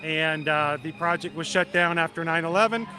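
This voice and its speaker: A middle-aged man from South Georgia with a deep Southern accent, chatting casually and folksily as he hosts a livestream. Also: normal speed, pushed and bright. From South Georgia, United States. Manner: chatty, folksy, greets viewers by name. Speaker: livestream host. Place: outdoors in a busy theme park.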